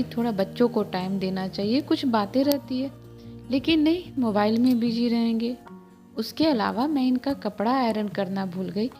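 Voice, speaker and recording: A woman's voice: fairly high pitch, darkish tone, natural voice. A woman voicing an easily upset young wife who speaks indignantly and pleads.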